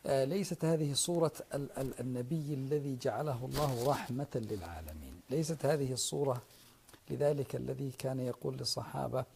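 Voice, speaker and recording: A man's voice: mid-range voice, brisk, vocal fry, dark tone, slight background noise. A man, a sheikh, giving an earnest religious lecture to an online audience, addressing listeners directly and repeating key names for emphasis.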